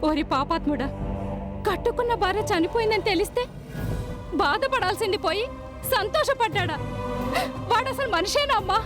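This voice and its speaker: An actress playing an indignant, protective sister-in-law who speaks in a scolding way. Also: female voice, very high-pitched, animated, normal speed, long pauses, over loud music. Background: background score.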